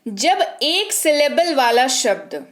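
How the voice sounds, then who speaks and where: A woman's voice: high-pitched, big pitch swings, slow, fairly bright tone. A woman teaching English spelling rules, patiently spelling words out letter by letter and asking herself questions before answering them. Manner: patient, asks and answers her own questions. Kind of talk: spelling lesson in Hindi.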